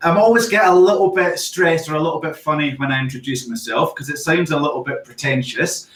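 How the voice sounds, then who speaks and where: A middle-aged man with a Scottish accent, giving a lively online conference talk on storytelling and quizzing his audience. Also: a little high. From Scotland. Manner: lively, engages audience with quick questions. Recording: echoey, distant from the mic.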